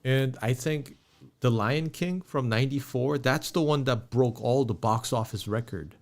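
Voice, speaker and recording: Man co-hosting a casual movie chat. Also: mid-range voice. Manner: reads viewer comments aloud, halting, many restarts. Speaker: podcast co-host.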